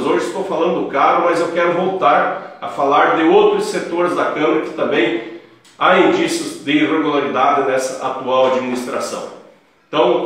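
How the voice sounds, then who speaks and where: A man in his forties, a councilman, making a formal statement straight to the camera with deliberate, repetitive phrasing, standing in a small indoor room. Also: fairly high pitch, fairly bright tone, recorded from a distance. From Brazil. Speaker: city councilman. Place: small indoor office with tiled wall. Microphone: camera a few meters away, no mic. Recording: very echoey room, voice off-mic.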